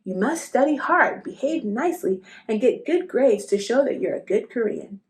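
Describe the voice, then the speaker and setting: A woman plays a proud, caring storybook mother. The voice is high and animated, with a firm, encouraging manner. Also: moderate pace, lightly acted.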